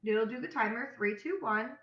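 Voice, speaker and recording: A business coach presents a tutorial in a casual, chatty, conversational way, acting out example messages. Her voice is fairly high and her pace moderate, and the audio is slightly dull with a roomy echo.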